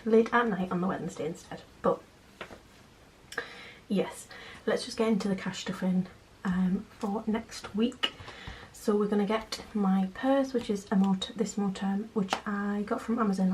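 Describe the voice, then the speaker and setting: Late at night at home, a young British woman who runs a vlog channel keeps her medium-pitched voice low and quiet, careful not to disturb her kids asleep nearby. Talking at a normal speed, she counts cash and chats about budgeting in a relaxed style. Clicks and obvious noise run through the recording.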